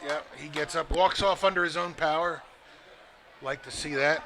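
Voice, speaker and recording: A man giving relaxed, chatty color commentary at a live high school football game, with joking asides. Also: moderate pace. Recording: noisy outdoor broadcast recording.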